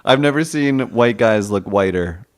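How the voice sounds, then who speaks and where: A man's voice: fairly low pitch, animated, moderate pace. A man hosting a podcast in casual, crude, laughing banter and storytelling. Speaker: podcast host.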